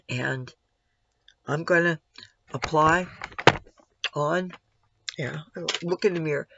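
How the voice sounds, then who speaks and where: A man with a slightly gravelly voice giving a casual makeup tutorial, narrating each step and adding candid asides. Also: high-pitched, a little hiss or hum. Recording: dull, lo-fi sound.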